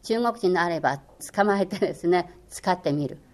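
A woman's voice: on the low side, brisk. An older woman whose first language is Chinese, a former radio language lecturer, answering interview questions in an earnest, encouraging way with many hesitant fillers.

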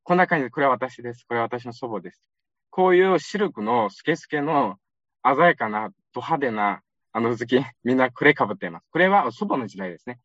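Lively young man giving a talk. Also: mid-range voice, a little fast, dry recording, lo-fi sound. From Xinjiang, China. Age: young adult. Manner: lively, chatty storytelling with asides to the audience. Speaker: lecturer. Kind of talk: public lecture.

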